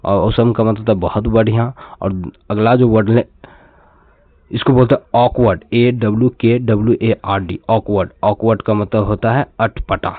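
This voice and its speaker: A man's voice: on the low side, fairly even intonation, normal speed, no echo. A man teaching an English pronunciation lesson, patiently repeating each word and asking the class to say it back. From India. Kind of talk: classroom lesson, explaining step by step. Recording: tinny phone-like dry sound.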